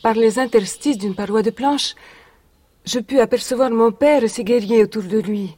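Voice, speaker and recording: A young former captive telling a grim tale, husky, slow and solemn, old radio play. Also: female voice, on the high side, darkish tone, dry recording. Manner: measured, solemn recounting. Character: young woman, former captive, grave storyteller. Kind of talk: 1980s radio drama. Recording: vintage radio recording.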